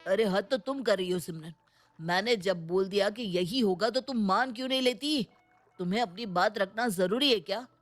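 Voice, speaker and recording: A woman's voice: medium pitch, normal speed, close to an everyday voice. A defensive young husband from an audio storybook complains that he is too busy with work, played by a woman. He sounds exasperated and put upon. Faint music plays behind him.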